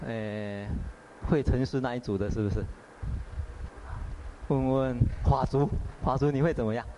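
A man's voice: medium pitch, steady tone, unhurried, mellow, slight background noise, rough recording. Man giving a chatty dharma talk. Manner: conversational, filler-laden, asks the audience. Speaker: Buddhist teacher.

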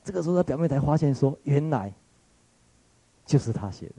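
Male Taiwanese Mandarin lecturer, dark husky voice, dry close sound, rambling reflective storytelling. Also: fairly high pitch, lively intonation, fairly quick, no room sound, low-quality recording. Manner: musing, searching for words, frequent restarts.

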